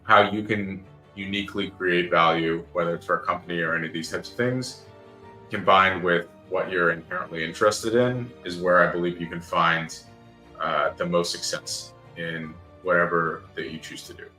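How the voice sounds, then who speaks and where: A man's voice: sits low, fairly even intonation, normal speed, sharp tone, faint music behind. A man giving conversational, explanatory interview answers as a podcast guest, in long structured stretches. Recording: roomy, echoey sound.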